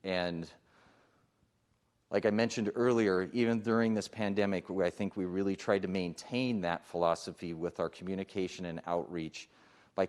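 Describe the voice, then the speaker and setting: A man's voice: deep voice, darkish tone. A middle-aged man, a police chief, giving a conversational presentation at a public forum, with frequent fillers and restarts.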